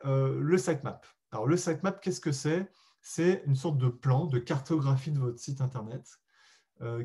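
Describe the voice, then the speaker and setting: A man leads a live online training session in a warm, relaxed voice. He explains things patiently and pauses often to find his words. He speaks politely and directly to his audience. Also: medium pitch, husky. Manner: explains patiently, with frequent hesitations; addresses listeners directly and politely. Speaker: SEO webinar presenter. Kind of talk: live webinar presentation.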